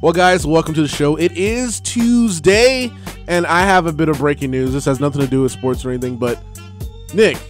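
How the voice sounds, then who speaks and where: A man hosts a casual sports radio show with an animated, hype-style delivery. His voice sits fairly high for a man, and a faint music bed plays behind him. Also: normal speed. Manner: animated, laughs often, hype announcer delivery.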